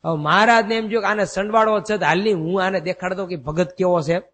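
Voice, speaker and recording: A man preaching a devotional sermon, chanting verses slowly and telling stories in a folksy way. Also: high-pitched, steady tone, fairly bright tone. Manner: chants verses slowly, then explains in a folksy storytelling manner. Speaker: swami preacher. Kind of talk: Gujarati devotional sermon with storytelling. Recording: long hall reverb.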